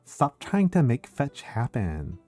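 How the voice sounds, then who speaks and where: A man's voice: medium pitch, huge pitch swings, slow, dark tone, soft background music, exaggerated voice. Man putting on a catty valley girl drawl. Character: snooty teenage mean girl with valley girl drawl.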